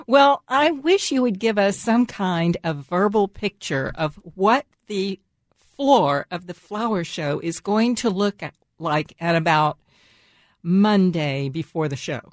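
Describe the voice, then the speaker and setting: A woman's voice: medium pitch, expressive, slow pace, dry recording, clean studio sound. An American woman hosting a casual radio chat in a chatty, enthusiastic way. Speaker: radio host.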